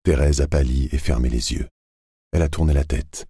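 A man narrates a novel in a steady, measured reading. His voice is extremely low and husky, and the recording is dry and close. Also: dry recording.

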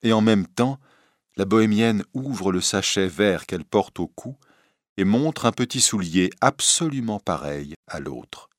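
A man's voice: on the low side, expressive, a little slow, dry recording, clean studio sound. A man narrating a classic story aloud in a dramatic reading style.

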